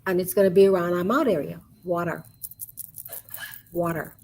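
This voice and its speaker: A woman teaching sign language in an online webinar, patiently repeating each word softly as she shows the signs. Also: lowish voice, fairly even intonation, normal speed, vocal fry.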